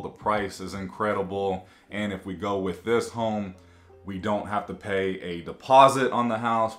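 Deep male voice, thirties, casual vlog chat, animated, home office, faint music underneath. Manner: animated, gestures a lot with both hands. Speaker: vlogger.

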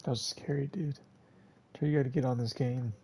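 A man's voice: mid-range voice, fairly even intonation, brisk, dark tone. Joking streamer man over background noise. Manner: loose and joking, laughs often, swears. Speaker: streamer playing a video game. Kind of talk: casual live-stream chat.

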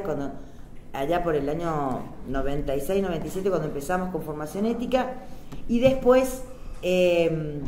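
A woman's voice: fairly low pitch, warm tone, a little hiss or hum. Woman lecturing in an echoey hall. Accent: Argentine Spanish, Córdoba. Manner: conversational with frequent fillers and tag questions. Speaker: panel speaker on civic education. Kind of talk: lecture to teachers. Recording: echoey hall with faint ambience.

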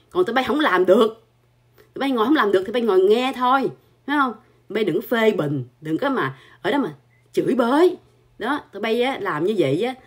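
A woman delivers a heated scolding monologue to her channel's viewers. Her voice is husky and sits at a middling pitch. She insults and lectures, piling on repeated filler particles as she goes. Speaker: channel host.

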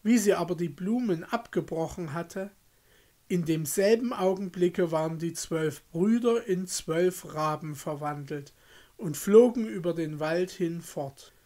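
A man reading a fairy tale aloud as a storyteller, calm and measured. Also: high-pitched.

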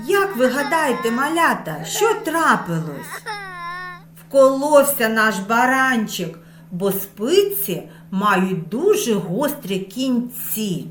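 Female preschool teacher, slow, sing-song and lively, echoey room with light music behind. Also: on the high side. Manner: sing-song, stretching words to show stress. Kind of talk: slow lesson for small children.

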